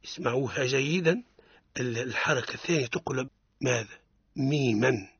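A man with a Tunisian Arabic accent teaching the rules of Quran recitation on the radio, explaining each rule, quizzing his student and chanting verses slowly. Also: medium pitch, vocal fry, fairly bright tone, husky, dry recording, muffled recording.

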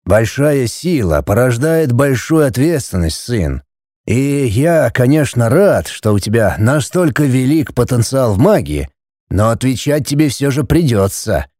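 Voiced by a man, this is a grave middle-aged judge and father who speaks slowly and with weight. His tone is dark and mellow. The pitch still moves a lot as he lectures, and the sound is dry and close. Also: sing-song, no room sound. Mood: stern. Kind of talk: audiobook character voice.

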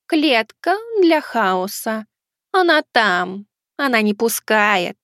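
A woman voicing a small floating cat girl spirit in an audiobook, speaking in slow, halting fragments. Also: a little high, lively intonation, a bit bright, no echo, studio quality, full character voice. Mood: dreamy. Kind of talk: audiobook character voice.

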